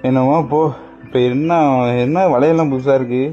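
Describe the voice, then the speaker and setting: A man's voice: mid-range voice, fairly even intonation, moderate pace, warm tone, muffled recording, soft background music. A man chatting casually with a friend, first teasing her, then apologizing and coaxing her. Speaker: prank vlogger. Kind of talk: casual prank chat.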